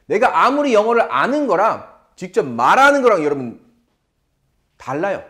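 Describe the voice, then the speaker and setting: A man with a Korean accent teaching an English lesson, drilling phrases slowly and explaining with animated delivery. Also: high-pitched.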